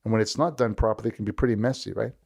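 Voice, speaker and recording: Talking rapid-fire in a creaky voice, this leadership strategist guest shares animated stories in a conversational interview. He acts out quoted voices, and his pitch varies a great deal as he explains.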